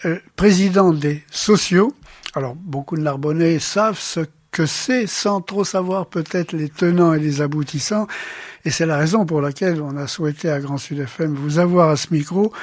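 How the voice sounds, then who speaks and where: French radio host, higher-voiced man. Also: darkish tone, dry recording. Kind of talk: radio interview.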